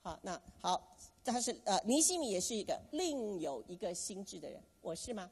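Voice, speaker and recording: Female preacher, animated and questioning, a touch breathy, recorded in a reverberant church hall. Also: medium pitch, normal speed. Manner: animated, asks the congregation questions and has them repeat phrases. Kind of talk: sermon.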